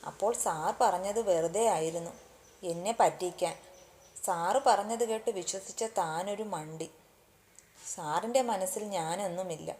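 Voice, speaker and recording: Storybook: a soft, wounded young office woman, read by a woman narrator, mellow voice. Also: lowish voice, unhurried, lightly acted. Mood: hurt. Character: gentle, hurt young woman office worker.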